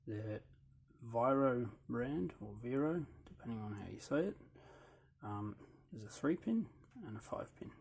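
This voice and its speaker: A man's voice: lowish voice, expressive, normal speed, vocal fry, darkish tone, husky. A man, casually narrating a lockpicking demonstration in a matter-of-fact way with dry humour. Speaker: lockpicking hobbyist channel host. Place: hot backyard shed workbench.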